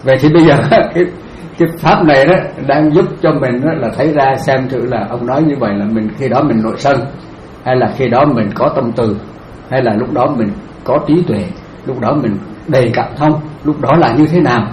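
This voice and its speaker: A male Buddhist monk giving a dharma talk, answering a question gently, repeating his phrases and laughing now and then. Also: mid-range voice, normal speed. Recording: echoey room, faint noise.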